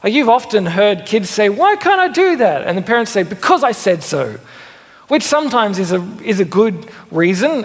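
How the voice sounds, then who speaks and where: A young man delivers a sermon in a casual, animated manner, dropping self-deprecating asides. His voice sits high for a man. The sound carries a long reverb from the church. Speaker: preacher.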